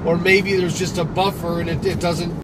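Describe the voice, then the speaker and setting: A livestream host from Michigan, USA, chats casually with his viewers while driving, rambling along with frequent restarts and fillers. His fairly high voice stays level at a moderate pace. The car recording is noisy, with clear road and engine sound underneath.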